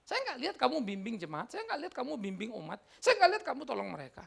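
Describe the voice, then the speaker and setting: A middle-aged man preaches a sermon with a heavy gravelly rasp and a husky edge. His pitch jumps high and drops low all the time. He delivers it in an animated, colloquial style and keeps breaking into asides. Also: fast. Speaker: pastor.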